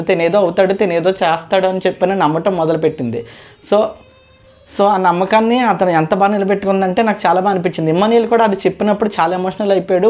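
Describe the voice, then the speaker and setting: Fast-talking woman reviewing a reality show. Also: medium pitch, a little mellow. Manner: chatty, re-enacts contestants' lines. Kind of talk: casual episode review.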